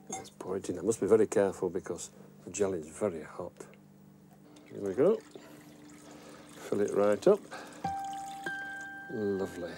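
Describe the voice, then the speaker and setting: In a wood-panelled narrowboat cabin, a middle-aged man tells stories to young children, thinking aloud and speaking to viewers simply in gentle, scripted chat. His voice is fairly low and a little mellow.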